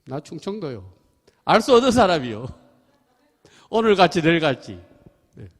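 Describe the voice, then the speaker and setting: Monk preaching w gyeongsang accent, highish voice, laughs a lot, long echo in the hall. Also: male voice, normal speed. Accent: Gyeongsang Korean. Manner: lively, chatty, laughs often, asks listeners questions. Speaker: Buddhist monk giving a dharma talk. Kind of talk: sermon with storytelling. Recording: temple hall with long reverb.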